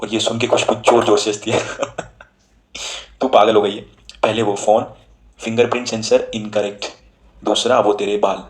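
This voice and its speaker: A man's voice: fairly low pitch, flat delivery, brisk, poor audio. A man casually narrating a horror story, mixing in English words and playing the characters' lines himself. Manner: chatty, mixes Hindi with English words, plays the characters' lines.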